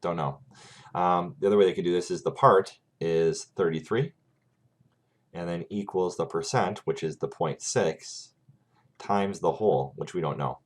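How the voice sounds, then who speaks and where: A man's voice: low voice, moderate pace. A man teaching a math lesson over a screencast, talking through each calculation step by step and often checking in with "right?".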